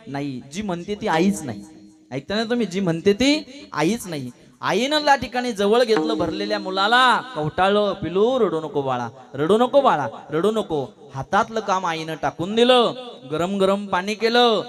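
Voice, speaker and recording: High-voiced kirtan preacher. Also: male voice, fairly bright tone. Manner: questions the audience constantly, acts out voices in the story. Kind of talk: devotional kirtan sermon. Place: kirtan gathering before a live audience.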